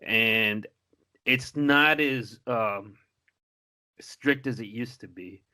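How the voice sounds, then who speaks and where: A man's voice: mid-range voice, very slow, sharp tone. A married man co-hosting a podcast, telling a story in loose, profane casual chat with lots of fillers and restarts. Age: adult, married. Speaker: podcast co-host.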